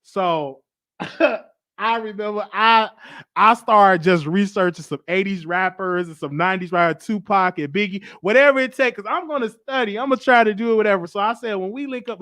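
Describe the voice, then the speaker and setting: Host, man in his 20s, Southern accent, high voice, dry close sound, casual live storytelling. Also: dry recording. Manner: animated, repeats phrases, slangy. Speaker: show host.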